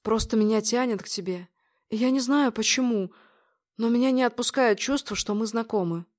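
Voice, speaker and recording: A woman reading aloud plays a composed, pragmatic businessman, quiet and persistent in his advances. She barely changes her own fairly high voice, keeping it calm and intimate. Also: moderate pace, lightly acted. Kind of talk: audiobook character voicing.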